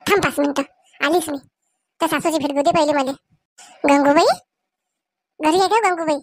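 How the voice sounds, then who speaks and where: A woman playing a bossy, shrill village aunt. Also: steady tone, fairly quick, dry recording, clean studio sound, lightly acted. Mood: calling out. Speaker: actor in comedy skit. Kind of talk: village comedy skit acting.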